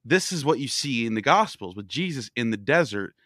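A man hosting a podcast in a middle-pitched voice, heard through a dry, close recording. He breaks in eagerly to link ideas. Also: animated, brisk, a bit bright, no room sound. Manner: eager, interjecting, cuts in with connections. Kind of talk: conversational podcast discussion.

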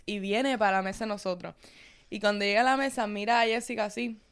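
A young woman telling a story in casual chat, animated and switching into English. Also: mid-range voice, fast talker, clear, resonant tone. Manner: animated, mixes English into Spanish.

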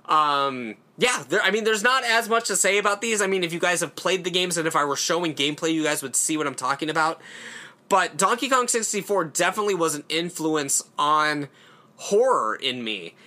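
A man's voice: fairly high pitch, expressive, fairly quick, bright, forceful tone. A young man hosting his own channel, talking casually and rambling about games in a loose, conversational way with fillers and the odd swear. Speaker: horror channel host. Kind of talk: casual solo commentary.

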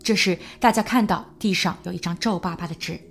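A woman narrating a true crime podcast in a measured storytelling voice, building suspense as she goes. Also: fairly low pitch, gravelly. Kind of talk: scripted narration.

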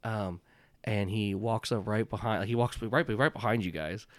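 A man working as game master, improvising tabletop narration in a casual, halting, descriptive way. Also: lowish voice, no echo. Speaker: game master and podcast host.

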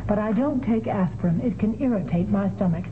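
An actress playing a sensible working homemaker in a scripted radio commercial testimonial. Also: female voice, medium pitch, a little fast, natural voice. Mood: matter-of-fact. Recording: dull, faintly noisy radio recording.

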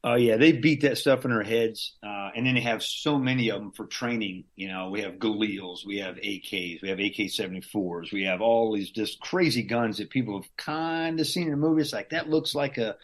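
A middle-aged Green Beret veteran from Southern Louisiana tells stories as an interview guest in a casual, conversational way. His voice is fairly low, at normal speed with few pauses. He rambles, restarts often and chuckles a lot.

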